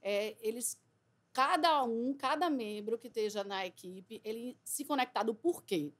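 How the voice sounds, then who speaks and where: A woman's voice: fairly high pitch, measured pace, fairly bright tone. A woman, a company founder on a podcast, searching for words as she builds a point. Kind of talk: casual podcast conversation.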